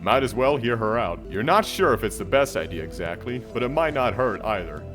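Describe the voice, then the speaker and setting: A man commenting on his gameplay and reading the game's text aloud, excitable, jumping to loud high bursts. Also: fairly quick. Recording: faint game music behind.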